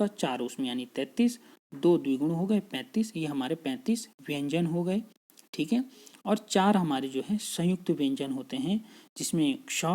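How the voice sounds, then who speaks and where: A man's voice: a little high, a little mellow. A man teaching a grammar lesson patiently, repeating each point and checking in with his students. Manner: patient, repeats points, frequent "theek hai" check-ins.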